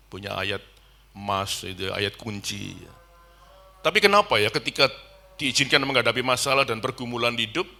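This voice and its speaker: Bright-voiced preaching man. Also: medium pitch. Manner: storytelling, acting out dialogue, rising to emphatic peaks. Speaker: pastor. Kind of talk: sermon. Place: church service.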